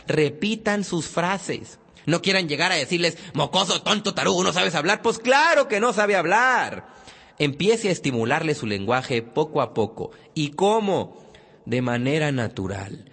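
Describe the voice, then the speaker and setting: A man's voice: fairly high pitch, big pitch swings, a little slow, a bit bright, long reverb tail. Emphatic man lecturing parents. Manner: emphatic, addresses parents directly, imitates baby sounds. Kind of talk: motivational talk to an audience.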